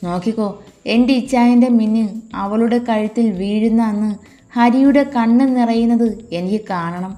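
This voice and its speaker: A woman's voice: fairly high pitch, moderate pace, warm tone, natural voice. A woman storyteller voicing a spiteful, spoiled young woman who speaks petulantly and vengefully.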